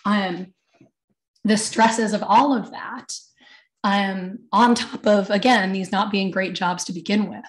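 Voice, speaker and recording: A woman with a tired voice speaks into her computer mic from her room at home. She talks loosely and conversationally on a webinar, with frequent fillers and asides. Her pitch sits in the middle range. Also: fairly even intonation, takes it slowly. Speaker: panelist. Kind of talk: webinar talk. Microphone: computer mic on video call.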